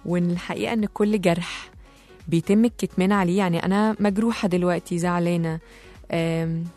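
A woman's voice: fairly low pitch, a little mellow. A woman with an Egyptian Arabic accent hosting a talk show monologue and acting out the voices of people who comfort others. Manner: acts out comforting voices in quotes. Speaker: host.

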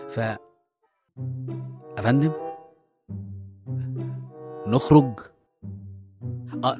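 A man's voice: lowish voice, lightly acted. An actor with an Egyptian accent playing a harried, well-meaning middle-aged father in a radio serial, conversational and often hesitant. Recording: music behind the voice.

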